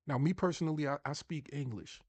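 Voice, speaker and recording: A man's voice: fairly high pitch, fairly quick, dry recording. A man with a Long Island New York accent giving an emphatic motivational talk to viewers as an online marketing coach, often restarting and repeating words.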